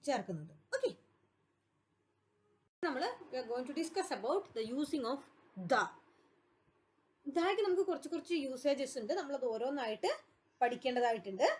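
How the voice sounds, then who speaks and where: A woman with a Malayali accent teaching English grammar for an exam class, patiently repeating points and answering her own questions. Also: high voice. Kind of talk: explanatory exam-prep lesson.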